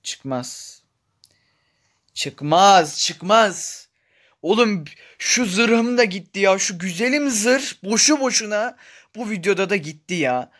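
A man giving gameplay commentary, exasperated and complaining, swinging between tired muttering and loud outbursts. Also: high-pitched, lively intonation, slow. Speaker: gaming YouTuber.

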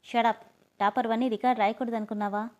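A woman's voice: a little high, level tone, quick pace, darkish tone, muffled recording, lightly acted. A woman voicing a stern female teacher scolding a student.

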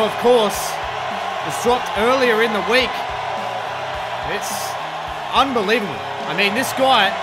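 A man giving excitable, shouted play-by-play wrestling commentary. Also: extremely high pitch. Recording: loud game crowd and arena noise behind.

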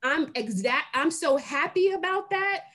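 A woman's voice: sits high, unhurried. Upbeat woman in her late forties. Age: 40s. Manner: animated, emphatic, laughs easily. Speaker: guest, brand founder. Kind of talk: casual video-call conversation. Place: home room. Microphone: video call.

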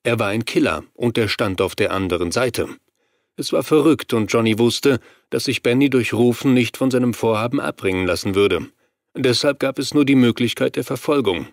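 A man's voice: medium pitch, no room sound, clean studio sound. A man reading a horror audiobook. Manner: steady, measured first-person narration. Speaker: audiobook narrator.

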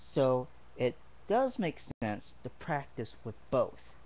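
A man's voice: mid-range voice, very animated, slow, a little mellow, a little hiss or hum. A man casually showing his swords in a home video, talking in an earnest, rambling way with many restarts. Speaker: martial arts hobbyist showing swords.

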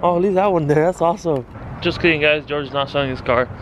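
A man's voice: a little high, quick pace, a crowd in the background. A young man vlogging in a casual, joking, slangy way, calling himself "your boy". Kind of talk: casual vlog chat. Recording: outdoor street noise.

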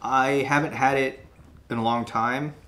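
A man's voice: medium pitch, steady tone, measured pace, fairly bright tone. Playful, giggly man tasting snacks. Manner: playful, laughs often, jokey. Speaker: snack taste-test co-host. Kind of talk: casual chat.

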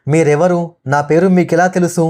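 Frightened young woman stranded alone at night, anxious pleading questions, read by a male narrator in a fairly high voice. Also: fairly even intonation, moderate pace, darkish tone, lightly acted.

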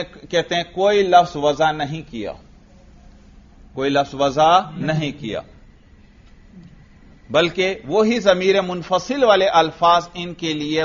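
A man's voice: fairly high pitch, fairly bright tone, lo-fi sound. A male teacher with a Pakistani Urdu accent, giving a classroom grammar lecture, explaining patiently and asking his class questions that he then answers himself.

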